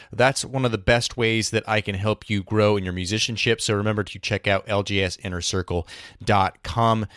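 A man in his thirties hosting a jazz education podcast, telling a personal story in a relaxed, thoughtful way with many fillers. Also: on the low side, clear, resonant tone, dry recording, clean studio sound. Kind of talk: casual storytelling monologue.

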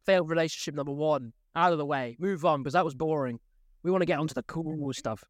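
A man's voice: on the high side, quick pace, no echo, clean studio sound. A teenage boy co-hosting a podcast, teasing and joking in casual chat. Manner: teasing, jokey, interrupting. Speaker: podcast co-host.

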